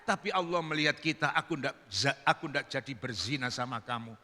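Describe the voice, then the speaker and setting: A man's voice: medium pitch, a little fast, pushed and bright. A man voicing a timid, earnest pious young man in a comic sermon story. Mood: fearful. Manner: earnest, fearful pleading. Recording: echoey hall.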